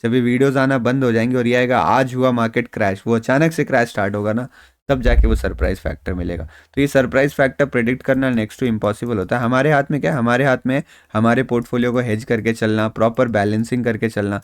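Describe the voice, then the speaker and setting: A man's voice: mid-range voice, fairly even intonation, fast talker, smooth, no room sound, studio quality. A man giving casual, reassuring stock market analysis in a conversational way, mixing in English phrases. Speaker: stock market trader and YouTube host.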